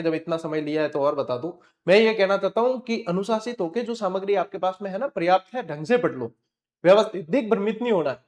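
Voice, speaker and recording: A man's voice: sits high, a little mellow. A male teacher giving an exam-prep lecture, asking the class questions and answering them himself, with frank, scolding advice.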